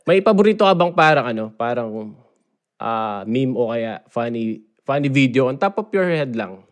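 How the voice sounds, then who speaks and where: A man's voice: medium pitch, lively intonation, normal speed. Easygoing man agreeing in podcast chat. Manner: easygoing, agreeable, asks questions. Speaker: podcast co-host. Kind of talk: casual chat.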